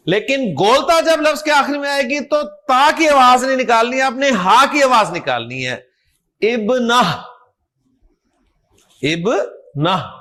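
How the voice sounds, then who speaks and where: A man teaching an Arabic grammar class, explaining slowly, demonstrating how to pronounce words and often checking that students follow. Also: high voice, a bit bright. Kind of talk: online class lecture.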